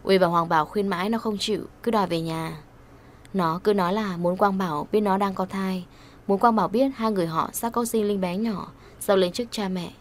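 A woman narrating an audio story at a steady, brisk reading pace. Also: medium pitch, slight background noise.

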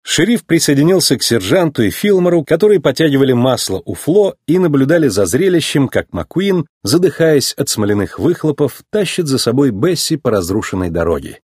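Guy reading a kids story, animated, slightly husky, dry close sound. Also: mid-range voice, a little fast, few pauses, no echo. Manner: expressive, lively storytelling. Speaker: narrator. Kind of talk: storybook read-aloud.

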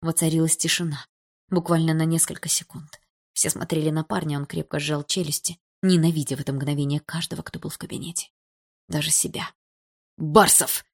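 A woman narrating a dramatic audiobook in a steady, subdued storytelling manner. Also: deep voice, a little fast, slightly rough.

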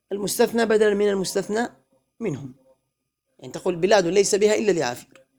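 A man teaching a classroom grammar lesson, quizzing his students with questions and chanting verse lines slowly. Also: high voice, gravelly, a little mellow.

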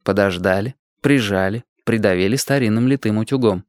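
A narrator reading a children's story aloud with expressive storytelling. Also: medium pitch, brisk, no room sound, studio quality.

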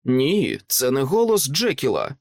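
Man reading as a stern lawyer: commanding, insistent, lots of movement in the pitch. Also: wildly swooping pitch, unhurried, no room sound. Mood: alarmed. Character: stern middle-aged male lawyer, resolute.

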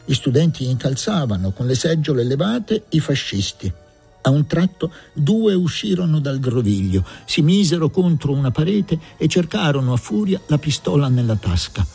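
A man narrating a novel aloud in a measured, expressive reading. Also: medium pitch, breathy edge, faint music behind. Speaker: audiobook reader. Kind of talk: literary audiobook narration.

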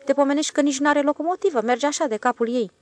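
A woman with a high, pushed-up but natural voice performs a character in an audiobook. She plays a talkative, deferential male railway switchman who speaks eagerly.

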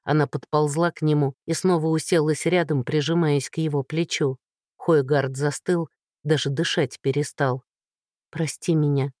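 A woman narrating an audiobook, reading at a slow, measured pace. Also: sits low, a little mellow, no room sound, studio quality. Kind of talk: scripted narration.

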